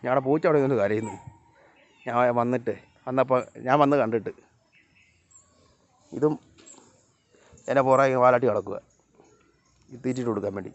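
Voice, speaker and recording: A man's voice: medium pitch, normal speed, long pauses, muffled recording. Man vlogging outdoors, calling his pets. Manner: talks to his dog and cats, calling them along. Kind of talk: casual vlog narration while walking outdoors. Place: outdoors by flooded fields and a river.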